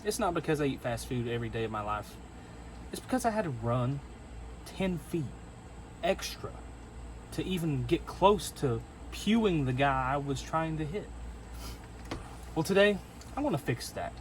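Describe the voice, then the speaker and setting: A man's voice: on the high side, animated, a little hiss or hum, low-quality recording. A man hosting an airsoft video, out of breath and joking to camera outdoors in the heat, with a playful, self-mocking delivery. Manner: playful, self-mocking, drawn-out comic pauses. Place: outdoors in hot weather.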